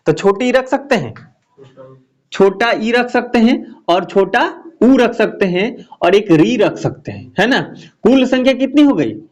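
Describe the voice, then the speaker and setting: High-ish male teacher going through a grammar lesson, asks then answers himself, keeps checking in, drags vowels out to demo them. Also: expressive, unhurried. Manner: explains step by step, repeats key answers as questions; checks in with listeners often.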